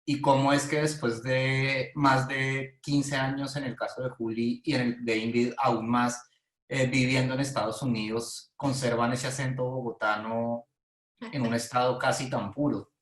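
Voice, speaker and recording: A man hosting an interview, asking questions in a measured, deliberate way. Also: medium pitch, little pitch movement, echoey room. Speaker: interview host. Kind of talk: moderating a conversation.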